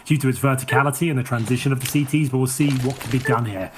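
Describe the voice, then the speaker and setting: A man giving rapid play-by-play commentary on a competitive shooter match, his calls spiking on big plays. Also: mid-range voice, fairly even intonation, background noise. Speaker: esports commentator.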